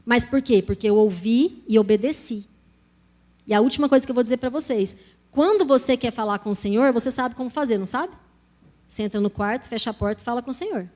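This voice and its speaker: With a high-leaning, fast, somewhat dark voice, a Brazilian woman preaches to a congregation in Portuguese. Her sermon recounts her own testimony in a conversational style, directed right at her listeners.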